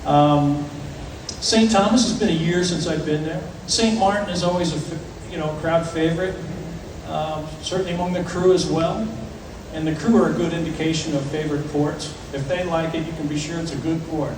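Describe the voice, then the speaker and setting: A man speaking as a ship's captain, answering audience questions informally, in a conversational way with deliberate pauses. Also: on the high side, steady tone. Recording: echoey venue, distant, clearly noisy ambience.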